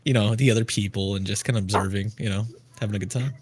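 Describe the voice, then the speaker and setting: A man's voice: fairly low pitch, fairly even intonation, fast, noisy background. A man playing a tabletop game, casually chatting and describing what his character does.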